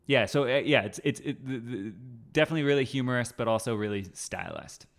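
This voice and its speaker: A man co-hosting a podcast, chatting casually about a movie trailer, halting and repeating himself, quick to laugh. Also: mid-range voice, gravelly. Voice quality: halting, lots of fillers and restarts, laughs easily. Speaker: podcast co-host. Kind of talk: casual movie-review chat.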